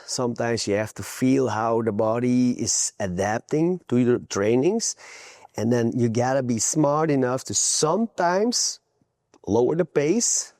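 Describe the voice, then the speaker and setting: A man's voice: mid-range voice, animated, measured pace, a little mellow, no room sound, studio quality. A man from Belgium, a guest coach giving earnest, plain-spoken interview answers with frequent restarts.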